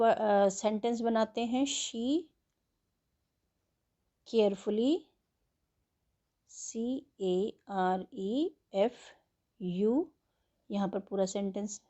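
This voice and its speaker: A woman teaching an English worksheet, slowly spelling words letter by letter and explaining them in Hindi. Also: mid-range voice, dark tone, dull audio. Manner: slow and patient.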